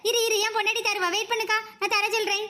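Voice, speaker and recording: A woman's voice: very high-pitched, little pitch movement, rapid-fire, sharp tone. A woman voicing a pushy young husband. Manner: coaxing pleas turning to harsh orders. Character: pleading, then bullying young husband.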